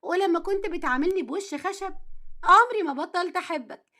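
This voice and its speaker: A woman as a lively Egyptian young wife. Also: very high-pitched, fairly quick, full character voice. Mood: teasing. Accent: Egyptian Arabic. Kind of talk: storytelling audio drama.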